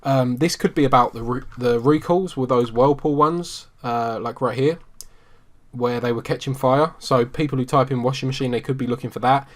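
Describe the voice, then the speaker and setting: A man's voice: medium pitch, moderate pace. Man in a mid register, easygoing screen-share walkthrough with plenty of ums. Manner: relaxed, conversational, frequent ums. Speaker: SEO marketing instructor.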